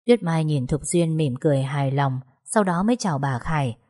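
A woman narrating a story in a steady way. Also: low-pitched, a little fast.

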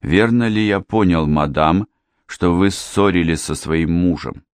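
A man's voice: sits low, unhurried, clear, resonant tone, dry recording, studio quality. A male narrator voicing a cautious, apologetic police inspector. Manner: apologetic and careful. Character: polite, cautious police inspector, eager to please.

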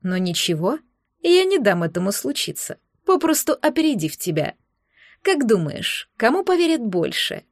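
A woman voicing a smug, cruel male sorcerer in an audiobook, speaking in a honeyed, sneering, deliberate way. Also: a little high, big pitch swings, dry recording, clean studio sound. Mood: menacing. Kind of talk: audiobook character voice.

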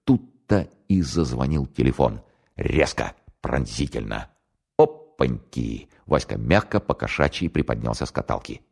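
Brief: male audiobook narrator, extremely low voice, lively and animated delivery. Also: normal speed, vocal fry, husky. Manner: expressive, animated storytelling.

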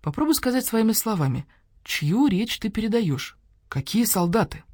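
A woman voicing a calm, polite elder badger detective who speaks patiently and with measured reasoning. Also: medium pitch, no room sound, studio quality, voice pushed up.

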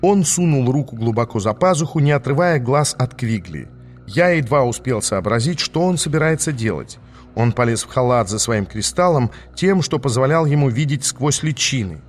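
A male narrator reading a first-person fantasy novel aloud at a middle pitch. His delivery is even and steady, a plain storytelling read. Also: normal speed, faint music behind. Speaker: audiobook narrator.

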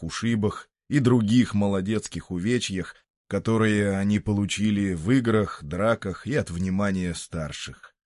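Male narrator, low voice, measured storybook reading, dry. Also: dry recording.

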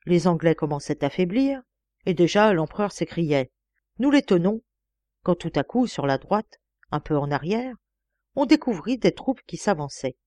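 A woman voicing a clever young male detective who explains his reasoning calmly. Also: on the low side, no echo. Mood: explaining. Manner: calm, explaining, measured.

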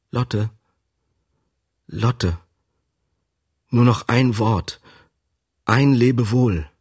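A man narrating a classic novel for a radio reading, with an expressive, dramatic delivery. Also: mid-range voice, slightly rough. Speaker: audiobook narrator. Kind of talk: scripted literary narration.

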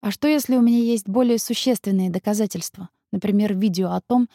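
A woman's voice: medium pitch, brisk, warm tone, dry recording, clean studio sound, lightly acted. A woman reading an audiobook, voicing a stubborn young man who threatens his rival. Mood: threatening. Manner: cold, threatening.

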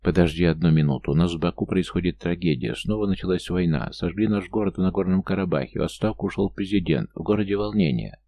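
A man's voice: deep voice, quick pace, vocal fry, hardly any pauses, mellow, a little hiss or hum. A man voicing a desperate male investigator who pleads with a woman on the phone. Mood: pleading.

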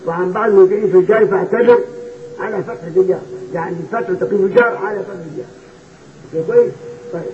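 High-voiced Egyptian man teaching recitation. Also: reverberant. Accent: Egyptian Arabic. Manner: repeats verses in slow chanted recitation between quick explanations. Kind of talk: explaining recitation rules to students. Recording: tinny phone-like recording with noise.

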